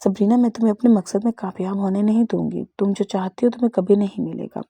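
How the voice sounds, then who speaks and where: A sharp-tongued, jealous young woman, voiced by a woman narrator who speaks with open scorn. The voice is mellow and gravelly. It sounds dry and close to the mic. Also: medium pitch, steady tone, no room sound. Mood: scornful. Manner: scornful, spiteful.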